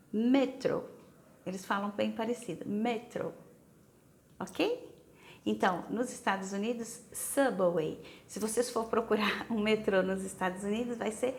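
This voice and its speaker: A Brazilian woman teaching English to senior students, speaking with a Brazilian Portuguese accent, patiently saying each word several times and asking the class to repeat. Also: medium pitch.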